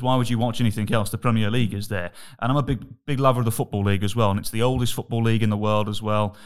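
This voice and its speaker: A man with an English accent and a croaky, hoarse, frog-in-the-throat voice, talking casually as a football podcast host. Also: on the low side. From England. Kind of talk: casual sports podcast talk.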